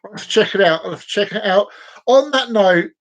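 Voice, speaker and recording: A man's voice: sits high, expressive, brisk, fairly bright tone. Guy in his 40s rambling on a live stream, playful, keeps repeating himself, chatting to viewers.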